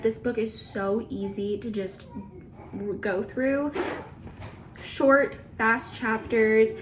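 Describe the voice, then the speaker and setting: A woman's voice: on the high side, noisy background. A woman book vlogger giving casual reading updates straight to her viewers. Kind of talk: casual chat to camera.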